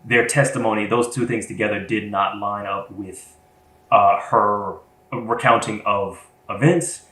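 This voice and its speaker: Man, podcast co-host, casual chat, hesitant and rambling, low voice, echoey room. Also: steady tone, a little slow, sharp tone. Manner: rambling, hesitant, many restarts and fillers.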